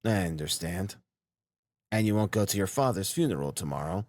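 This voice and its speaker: A man's voice: low voice, expressive, moderate pace, a little mellow, no echo. A man reading the lines of a feverish, irritable young man who speaks curtly and insistently. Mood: probing. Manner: insistent, curt.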